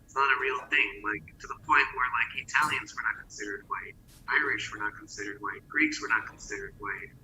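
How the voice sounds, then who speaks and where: A man on a video call whose voice sounds tinny and metallic, like he is in a tin can, talking in an earnest, halting way with many fillers. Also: lowish voice, bright, forceful tone, roomy sound, a little hiss or hum. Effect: tinny metallic "tin can" audio. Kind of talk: casual discussion.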